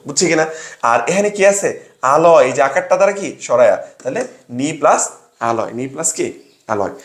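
A man's voice: a little high, roomy sound. A young man tutoring students for an admission exam, drilling grammar by asking a question and then answering it himself. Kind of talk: classroom lesson with sales pitch.

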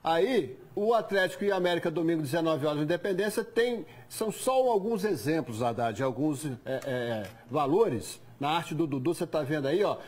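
Husky, animated Brazilian sports host. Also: male voice, on the high side, normal speed, hardly any pauses. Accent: Brazilian Portuguese. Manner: joking, teasing, animated. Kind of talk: lively studio sports chat. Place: TV studio.

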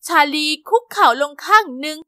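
A woman giving lively, expressive first-person scripted narration for an animated story. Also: fairly quick, dry recording, studio quality.

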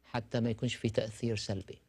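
A man's voice: lowish voice, level tone, rapid-fire, darkish tone, breathy edge, no echo. A man, a doctor explaining treatments as a guest in a TV studio, mixing in English medical terms. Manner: explanatory, gestures while talking, mixes in English terms. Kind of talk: medical talk show discussion.

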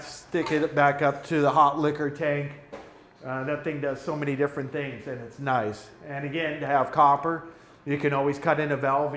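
Standing indoors among steel tanks, a brewery owner in his fifties casually walks through his plumbing with a mid-range voice. Relaxed and practical, he points out the pipes and equipment while he talks. His voice echoes around the room over a faint hum.

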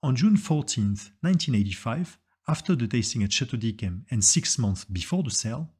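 A man narrates a story from a script, his voice slightly husky and breathy. He sits at an ordinary middle pitch and builds suspense with dramatic delivery. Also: expressive, fairly quick, a little mellow.

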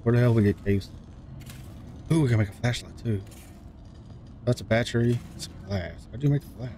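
Speaking a little fast in a dark, mid-range voice, a man in his thirties gives relaxed let's-play commentary from a small room at home. This gaming streamer thinks out loud and mutters to himself a lot, while game sounds play faintly in the background.

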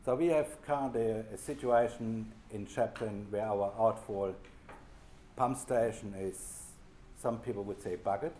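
Low-voiced German-accented man presenting. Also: measured pace, warm tone, a little hiss or hum. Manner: unscripted, restarts phrases, plain informal wording. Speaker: program leader giving an update. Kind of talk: workshop presentation. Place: workshop room.

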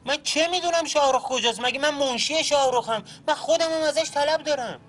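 An actor in a TV drama playing a nervous young man who is desperately searching for his brother, with quick, pleading speech. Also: high voice, a bit bright. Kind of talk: Persian TV series acting.

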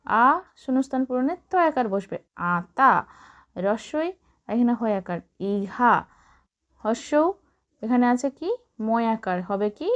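Woman teacher from Bengal, higher voice, slow drawn-out spelling drills for kids, dull lo-fi sound. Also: lively intonation. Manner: slow, drawn-out letter-by-letter spelling with encouraging asides. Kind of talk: children's spelling lesson.

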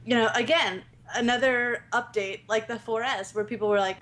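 A woman's voice: a little high, fairly even intonation, normal speed, a bit bright. A woman co-hosting a podcast in casual tech chat, talking chattily with frequent ums and giggles. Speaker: podcast co-host.

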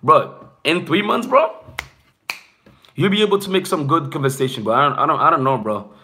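This young man's pushed, bright voice is fairly high and expressive, moving at a normal speed. English isn't his first language, and he's chatting casually on a live stream from a small room, rambling loosely and saying "bro" and "you know what I'm saying" a lot.

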